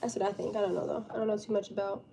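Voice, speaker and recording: A woman's voice: mid-range voice, very fast, creaky. A young woman live streamer chatting casually and informally with her viewers, with a giggly, chatty manner. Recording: steady background noise.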